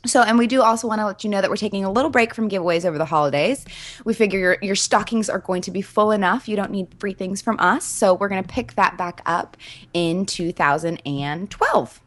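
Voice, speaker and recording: A woman's voice: medium pitch, brisk. A young adult woman hosting a podcast, chatting casually and reading announcements in a conversational way. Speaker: podcast host.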